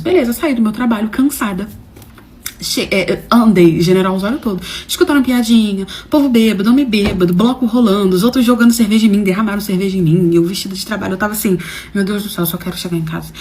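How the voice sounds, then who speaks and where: Fast-talking animated carioca woman. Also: mid-range voice. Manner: animated, dramatic, slangy, swings loud and soft. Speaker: storyteller host. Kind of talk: casual storytelling to camera.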